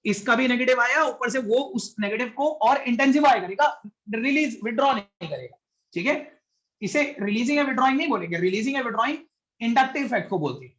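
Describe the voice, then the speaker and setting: A man's voice: very high-pitched, pushed and bright. A male chemistry teacher giving a classroom lecture to students in the room and online, explaining step by step and often checking that they follow, with English science terms mixed into his Hindi.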